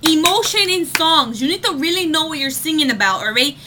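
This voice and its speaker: A woman's voice: high voice, lively intonation, brisk, noisy background. A young woman giving casual singing tips in a home vlog, chatty with lots of fillers, breaking into short sung demo notes.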